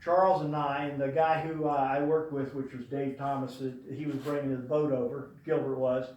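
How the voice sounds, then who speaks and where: An older man stands before an audience in a large room to eulogize his late brother, his fond stories wandering and thick with fillers. He has a medium-pitched, slightly mellow voice, a level tone, and normal speed. Strong echo and distance from the mic color the recording.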